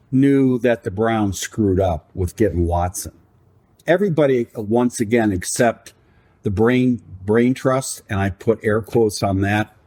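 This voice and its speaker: A man's voice: fairly low pitch, warm tone. A man co-hosting a sports podcast, ranting emphatically and sarcastically. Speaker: podcast co-host. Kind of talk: casual sports podcast rant.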